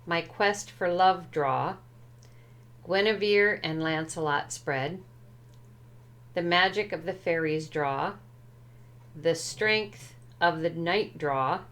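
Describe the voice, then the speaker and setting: A woman speaks in a lowish, unhurried voice as she walks through a tarot deck at home. She is careful and tentative and often hedges on how a word translates. Her pace stays slow and deliberate throughout. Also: fairly bright tone. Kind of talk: unhurried show-and-tell walkthrough.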